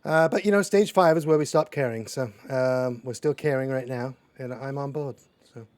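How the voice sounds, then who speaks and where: A man's voice: medium pitch, moderate pace, a little mellow, dry recording. A man roleplaying a polite telegram agent, talking in a rambling, hesitant way with many fillers and restarts. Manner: polite, addresses others as sir. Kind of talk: in-character roleplay chat.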